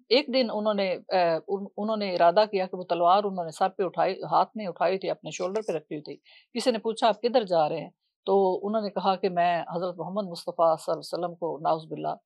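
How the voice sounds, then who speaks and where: A woman telling a religious story off the cuff in a reverent way, pausing often with fillers. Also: medium pitch, darkish tone, no echo. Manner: reverent, with frequent hesitation fillers.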